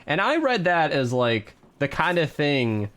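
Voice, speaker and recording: A man live-streaming a game chats casually with viewers, rambling, poking fun at himself, and laughing often. His voice is a little high and sing-song, fairly bright in tone, with a measured pace.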